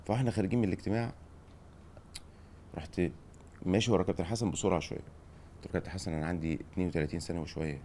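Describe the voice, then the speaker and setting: A middle-aged man with an Egyptian Arabic accent, a podcast host and former football director, hosts a chat and gives advice, often checking in with rhetorical questions. His low voice holds a fairly even intonation, racing along with long pauses and a warm tone. A little hiss or hum sits in the recording.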